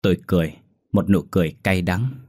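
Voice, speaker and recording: A man telling a horror story in a measured, somber manner. His voice sits very low and the recording is close and dry, with no room around it. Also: dark tone, slightly rough, no room sound. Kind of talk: horror audiobook narration.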